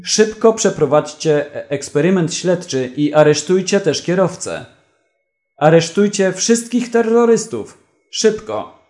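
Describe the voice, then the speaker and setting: A man's voice: a little high, animated, unhurried, a little mellow, roomy sound. A man doing a tired, impatient judge. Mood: commanding. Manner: curt commands.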